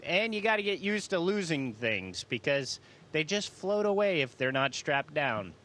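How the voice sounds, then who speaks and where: A man's voice: a little high, very animated, measured pace, pushed and bright. A man speaking as an astronaut, answering students' questions in a casual, folksy and enthusiastic way.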